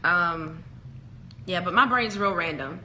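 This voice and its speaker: A woman's voice: fairly low pitch, slow pace, sharp tone, dull audio, a little hiss or hum. A woman co-hosting a podcast, chatting casually in a rambling, self-deprecating way. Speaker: podcast co-host. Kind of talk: casual chat.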